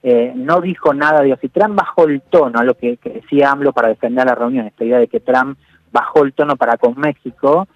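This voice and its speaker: A man's voice: medium pitch, no room sound. Analytical man on a dull radio line. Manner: measured, analytical, peppers speech with "digo". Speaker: political analyst. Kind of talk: radio interview commentary.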